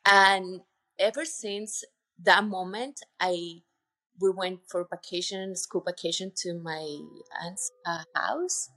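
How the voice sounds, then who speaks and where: A woman's voice: fairly low pitch, fairly even intonation, slow, bright, forceful tone. A woman from Colombia with a Colombian accent, speaking earnestly as a podcast guest, with many fillers. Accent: Colombian Spanish. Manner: earnest, heartfelt, with frequent fillers. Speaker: podcast guest, retreat center owner. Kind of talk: casual interview conversation.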